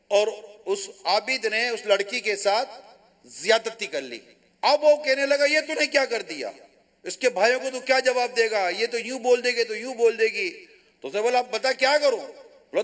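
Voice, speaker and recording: A Pakistani man, a religious scholar, telling a moral story in a sermon and acting out the dialogue. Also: high-pitched. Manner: animated storytelling with quoted dialogue.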